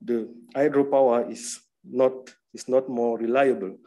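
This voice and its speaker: A man from Cameroon presents slides as the moderator of an academic panel, talking conversationally and often checking in with tag questions. His voice is dark and mellow, at a middle pitch. He is heard over a video call. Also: fairly even intonation, a little slow, rough recording.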